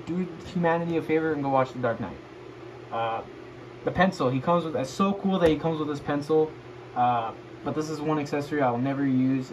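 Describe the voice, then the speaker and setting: A drunk man with a slightly high voice hosts a casual review over clearly audible background noise. He rambles loosely, swears freely and repeats himself as he loses his thread. It sounds like an unscripted home recording. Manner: rambling and foul-mouthed. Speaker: host of a toy review video.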